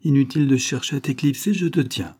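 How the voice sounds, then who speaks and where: A man's voice: mid-range voice, a little fast, warm tone, husky, voice pushed up, natural voice. A man voicing a sly, theatrical fairground showman who blackmails a count, speaking with grand emphasis. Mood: mocking, theatrical.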